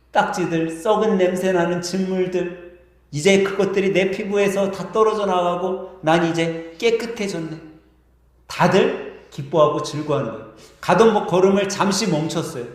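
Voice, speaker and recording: Male pastor, vivid sermon storyteller, fairly high voice, very echoey church. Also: moderate pace. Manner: vivid storyteller, varied pace. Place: church sanctuary.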